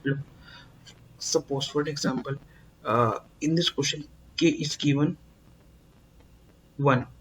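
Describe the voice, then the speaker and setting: Man slowly explaining a coding lesson. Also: fairly high pitch, fairly even intonation, a bit bright, a little hiss or hum, rough recording. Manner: slow, repetitive, emphatic explaining with many fillers. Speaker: programming tutor.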